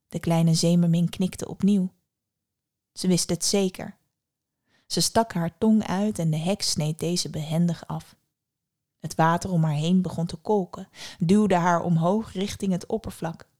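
Woman storyteller, measured fairy-tale reading, calm and even. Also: lowish voice.

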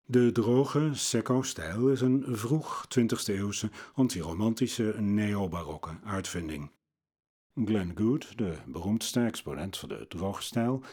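A man presenting a scripted talk on classical music, in a measured, lecturing way. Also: fairly low pitch, a little mellow, breathy edge. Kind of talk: scripted narration.

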